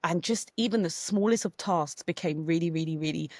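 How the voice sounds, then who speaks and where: A woman's voice: fairly low pitch, fairly quick, dry recording, studio quality. A woman, a guest entrepreneur telling stories in a casual interview and acting out what others said. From London, England. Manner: animated storyteller, acts out quotes.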